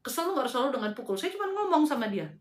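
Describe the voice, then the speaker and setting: A woman's voice: high voice, sing-song, very fast, echoey room. A woman hosting a live spiritual advice talk, exhorting her listeners directly in a casual, slangy way. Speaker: host and spiritual counselor.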